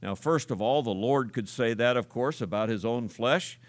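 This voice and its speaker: A man's voice: medium pitch, normal speed, no echo. An older man preaching a conversational, folksy sermon. He tells stories and repeats key words for emphasis.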